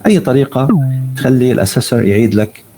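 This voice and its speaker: A man teaching an online English lesson. He reads each tip slowly in English and then explains it in Arabic. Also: medium pitch, dark tone, faint music behind, low-quality recording.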